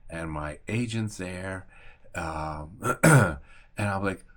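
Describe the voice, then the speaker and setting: This real estate agent and attorney has a low voice that's a bit bright, and he draws out his words while telling a personal story to camera. Casual and conversational, he swears mildly and performs remembered lines of dialogue.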